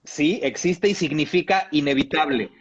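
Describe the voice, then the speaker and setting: A man reads a comic piece aloud with a playful, amused delivery, his voice a little husky. The sound is dull and lo-fi. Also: on the high side, moderate pace. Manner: playful, amused storytelling with laughs. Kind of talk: reading a humorous text aloud.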